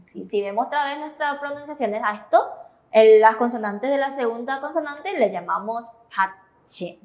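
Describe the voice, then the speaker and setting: A woman teaching Korean syllables, explaining slowly and checking understanding as she goes. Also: on the high side, lively intonation, darkish tone. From Paraguay. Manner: slow, careful, checks understanding with "¿verdad?". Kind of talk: classroom explanation.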